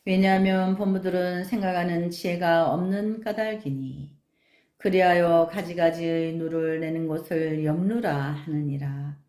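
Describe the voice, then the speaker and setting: A woman, a Buddhist nun, reading a sutra aloud in a measured, solemn recitation. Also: lowish voice, fairly even intonation, warm tone. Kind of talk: slow, even sutra recitation. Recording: echoey room.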